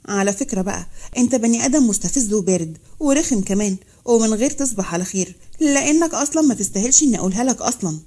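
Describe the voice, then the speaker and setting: A woman's voice: on the high side, lively intonation, very fast. A woman voicing a defiant young Egyptian doctor. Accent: Egyptian Arabic. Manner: sharp-tongued and defiant.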